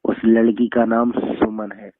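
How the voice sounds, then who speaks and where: A young northern Indian man on the receiving end of a phone call scolds and argues bluntly in a fairly low, monotone, unhurried voice. The phone-line audio sounds tinny.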